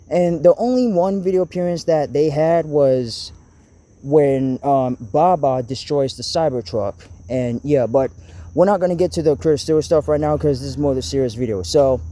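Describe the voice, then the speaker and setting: A young man hosting his own channel, ranting to camera in a halting way, stuttering and restarting his sentences. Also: fairly high pitch, warm tone. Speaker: channel host. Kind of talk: casual vlog rant to camera. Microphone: camera mic.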